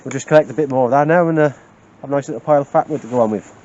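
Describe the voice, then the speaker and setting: A man's voice: mid-range voice, racing, highs cut off, very noisy. A man with a South Wales Valleys accent chatting casually and jokily to a handheld camera outdoors. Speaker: camper filming an outdoor vlog. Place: outdoors at a woodland campsite.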